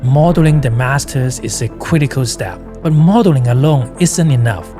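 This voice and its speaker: A man's voice: medium pitch, animated, moderate pace, music in the background. A man with a Cantonese accent giving scripted instructional narration as a photography educator.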